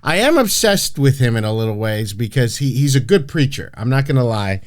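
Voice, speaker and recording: A man's voice: medium pitch, big pitch swings, fairly quick. A man hosting a casual podcast, brash and profane, rambling with frequent restarts and fillers. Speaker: podcast host.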